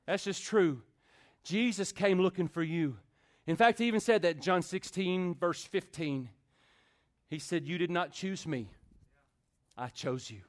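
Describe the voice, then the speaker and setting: Male pastor, high-pitched, rhythmic call-and-response sermon delivery. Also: unhurried. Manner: swings from loud build-ups to quiet intimate talk.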